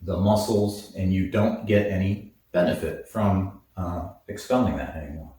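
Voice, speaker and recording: A man with a very low voice gives a slow, deliberate herbal lesson. He sounds distant from the microphone. A heavy echo fills the recording. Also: dark tone. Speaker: herbalist host. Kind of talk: instructional talk on herbs. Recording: very echoey, from far off the mic.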